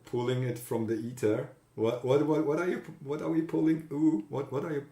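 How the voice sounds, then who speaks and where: A man with a Central European accent hosting a casual live stream, greeting chat viewers by name and talking haltingly with fillers. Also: on the high side, steady tone, mellow, echoey room. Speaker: livestream host.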